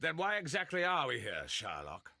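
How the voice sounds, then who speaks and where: Gravelly, imperious Mycroft Holmes. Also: male voice, on the high side, huge pitch swings, moderate pace, bright, forceful tone, no echo, full character voice. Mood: haughty. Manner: haughty, commanding. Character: imperious, dismissive gentleman, detective's elder brother. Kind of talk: video game voice acting.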